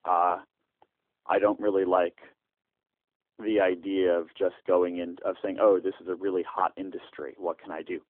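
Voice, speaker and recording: Heard on a tinny landline with no room sound, a man with a low voice speaks at an ordinary speed and a flat delivery. As a startup founder being interviewed, he gives lengthy replies broken up by "uh" fillers and restarts.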